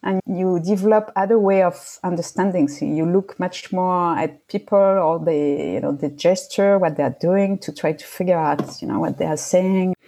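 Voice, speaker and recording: A middle-aged Swiss woman whose first language is French talks thoughtfully as a guest in a casual interview, often restarting her sentences. Her voice is warm and lowish, and she keeps a moderate pace with few pauses.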